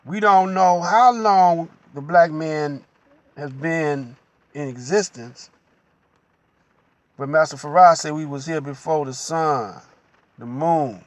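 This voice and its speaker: A man giving a slow, unhurried religious teaching monologue as the host, pausing often and adding "you know.". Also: a little high, dry recording.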